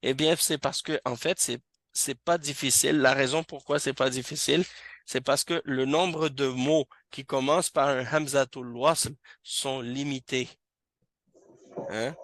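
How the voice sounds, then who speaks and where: A man teaching Arabic reading, talking slowly and patiently and repeating each word to drill it. His voice has a gravelly edge. The sound is dry and close, with no room echo. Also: medium pitch, fairly even intonation, fairly bright tone. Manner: slow, patient, repeats words to drill pronunciation. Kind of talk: classroom lesson on Arabic reading. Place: mosque classroom.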